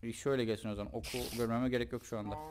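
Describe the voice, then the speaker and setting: A man's voice: medium pitch, flat delivery, rapid-fire, heavy background noise. A young man giving casual, joking commentary over his own gameplay and talking to the creatures in the game. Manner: chatty, joking, talks to the game's mobs. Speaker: gaming YouTuber.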